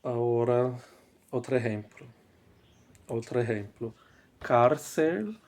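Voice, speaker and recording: A man teaching a language class at an unhurried, very slow pace. His voice sits in the middle range, neither high nor low. He repeats each example patiently and keeps checking that his students follow. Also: fairly even intonation, warm tone. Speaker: Spanish teacher.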